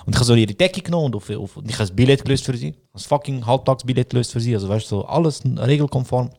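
A young man with a Swiss German accent, hosting a podcast and telling a story in a casual, swearing, animated way. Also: fast. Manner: animated, swears a lot, mocks people in put-on high voices. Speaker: podcast host.

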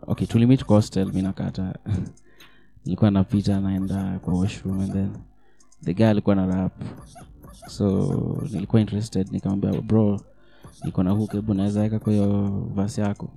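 A young Kenyan-accented man chats casually as a music guest. His voice is deep and very mellow with a gravelly creak, and his intonation stays fairly flat. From Kisumu, Kenya. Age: young adult. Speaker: singer, interview guest. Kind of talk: casual chat with slang.

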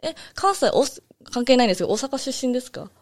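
A woman's voice: high voice, expressive, quick pace. A woman from Osaka hosting an interview, asking questions in a friendly, casual way with many small nods of agreement. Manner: friendly, prompting with short backchannels. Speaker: host.

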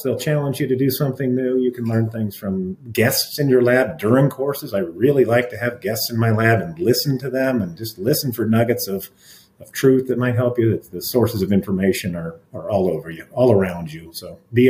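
A middle-aged man, an interventional cardiologist talking through stories in an interview, animated, with restarts and laughs. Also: on the low side, roomy sound. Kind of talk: conversational interview storytelling.

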